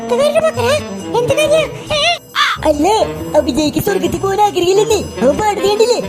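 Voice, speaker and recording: A dubber voicing cartoon schoolkids and a teacher in a comic dub, teasing and exclaiming with loud bursts. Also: very high-pitched, expressive, fairly quick. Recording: loud background music.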